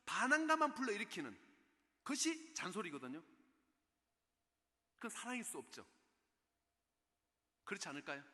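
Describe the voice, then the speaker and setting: High-voiced man lecturing in echoey church. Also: sharp tone. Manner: keeps checking in with the audience through rhetorical questions. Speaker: guest lecturer on parenting. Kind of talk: special lecture at a church service. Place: church in Seoul.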